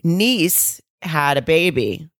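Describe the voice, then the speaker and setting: Deep-ish middle-aged woman, chatty podcast cohost, rambles and laughs, dead dry mic. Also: big pitch swings, drawn-out words, a bit bright, no room sound. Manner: rambling, laughing storyteller who swears casually. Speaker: podcast co-host. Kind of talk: casual chat.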